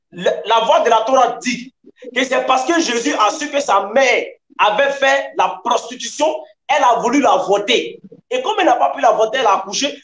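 Combative male debater, high-pitched voice, emphatic and repetitive, roomy echo. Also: a bit bright. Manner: combative, emphatic, repeats his points. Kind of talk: heated debate. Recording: echoey room sound.

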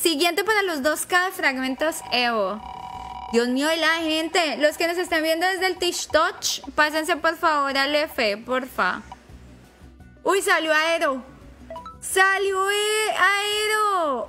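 A high, bright-voiced woman hosts a live stream, talking straight to her chat with excitable, jittery exclamations. Faint music plays underneath her.

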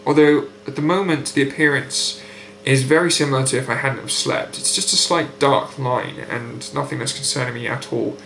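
A young British patient documents his recovery on video, his blocked nose after surgery making him sound nasal. The mid-range voice is gravelly and a bit bright with fairly even intonation, and his delivery is measured, articulate and precise. A built-in webcam mic, closely framed, captures an echoey home room by a window with a faint hum.

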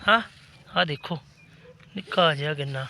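A man's voice: a little high, moderate pace, creaky, bright, forceful tone. A man with a Punjabi accent vlogging casually outdoors, talking tenderly and coaxingly in short, repeated calls and exclamations. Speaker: vlogger feeding stray puppies. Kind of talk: casual outdoor phone vlog, chatting to animals and viewers. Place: outdoors in the open. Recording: noisy outdoor phone recording.

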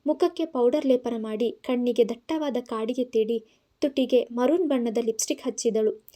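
A woman's voice: a little high, normal speed, warm tone. A woman narrating an audio story in Kannada-accented speech, voicing the characters' lines herself.

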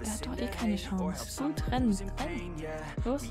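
A woman hosting a casual game let's play over voice chat, excitable and teasing, laughing often. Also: on the high side, a little slow. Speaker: gaming channel host. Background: background music.

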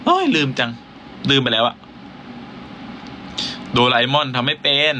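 A man's voice: medium pitch, huge pitch swings, a little slow, pushed and bright, slight background noise. Playful man chatting on a live stream. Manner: playful, teasing, joking. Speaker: singer hosting a live stream. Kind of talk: casual live-stream chat.

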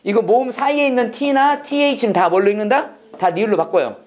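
A prayer-English instructor giving a classroom lecture with call-and-response drills. The instructor coaxes the class with questions, has them repeat, and switches between explanation and slow English model phrases. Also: mid-range voice. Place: classroom with students answering.

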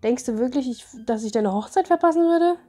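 A woman voicing a young female singer, the heroine of a story game, reading her lines in a plain, even way. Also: high voice, a little fast. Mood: pleased.

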